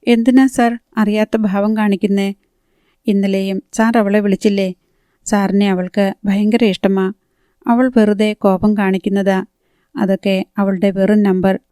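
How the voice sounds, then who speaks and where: A woman playing a curt, jealous young woman for a storybook read-aloud; smooth, warm delivery. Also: medium pitch, little pitch movement, a little slow, dry recording, clean studio sound, close to an everyday voice. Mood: sweet coaxing. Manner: curt, sharp retorts.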